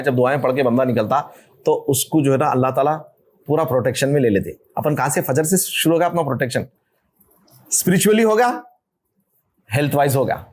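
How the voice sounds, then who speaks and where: A man with a South Indian Hindustani accent, leading a marriage workshop as an informal religious talk, conversational and animated, teasing his listeners and acting out quick voices. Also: mid-range voice.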